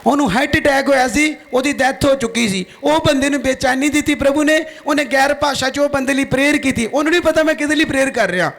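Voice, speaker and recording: A man's voice: very high-pitched, quick pace, creaky, hardly any pauses, fairly bright tone. A man preaching a fiery sermon, firing questions at his congregation. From Punjab, India. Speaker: pastor.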